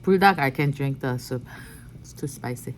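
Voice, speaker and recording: A woman's voice: extremely low pitch, normal speed. A woman hosting a casual mukbang, eating noisily as she talks in short, fragmentary remarks and murmurs between bites. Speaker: mukbang host. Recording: clear background noise.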